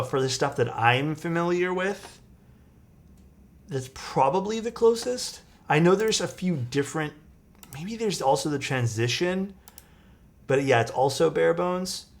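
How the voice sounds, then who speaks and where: A young man with a Toronto Canadian accent solders a keyboard while chatting casually with his livestream audience. His voice is a little high and creaky, and he is easygoing and chatty, answering chat as he works.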